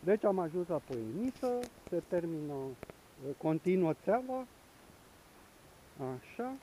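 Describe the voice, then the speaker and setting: Male hiker-guide with a high, soft-toned voice, talking through the trail outdoors. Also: sing-song, a little hiss or hum, rough recording. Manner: explanatory, pointing things out along the way. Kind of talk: casual hiking vlog narration. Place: outdoors on a forest trail by a stream.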